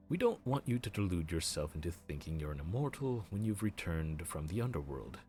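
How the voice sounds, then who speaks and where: In an audio roleplay, a man plays an underworld front-desk worker, a helpful grim reaper clerk who politely and bureaucratically guides someone through paperwork. His very low voice swings up and down a lot in a full character performance, with soft music faintly underneath.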